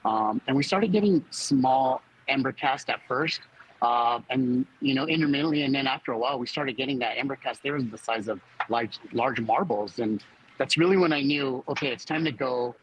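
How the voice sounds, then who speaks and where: A man of about fifty giving a personal account as a fire captain in an interview, speaking haltingly as he searches for words. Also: mid-range voice, husky, dull audio.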